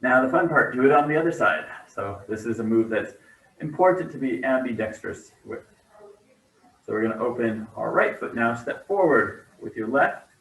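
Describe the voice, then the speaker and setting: A male tai chi instructor gives serene movement cues at an unhurried pace. His manner is calm and gently encouraging, with a middling pitch. He is heard a little way from the microphone in a roomy, echoing space. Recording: roomy echo, distant mic.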